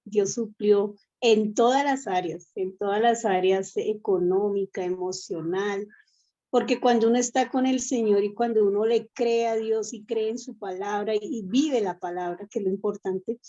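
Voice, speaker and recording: A woman's voice: medium pitch, moderate pace, mellow, lo-fi sound. A woman from the congregation giving a casual testimony, chatty and laughing between thoughts. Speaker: congregation member. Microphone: online meeting.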